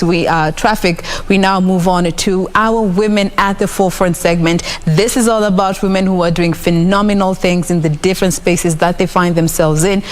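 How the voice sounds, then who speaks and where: A woman's voice: mid-range voice, long reverb tail. Upbeat Kenyan woman hosting morning TV. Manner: upbeat, mixes English with Swahili phrases. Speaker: morning TV host. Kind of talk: TV talk show hosting. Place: TV studio.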